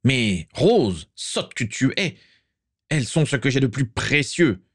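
A man doing a proud old aristocratic wizard in a storybook reading, curt and haughty, with a low voice. The recording is close and dry, with no room sound. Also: expressive, measured pace, no echo. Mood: haughty, cold.

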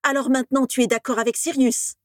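A woman's voice: sits high, steady tone, fast talker, dry recording, studio quality, voice pushed up, close to an everyday voice. A woman voicing a jealous young male wizard who speaks with bitter sarcasm.

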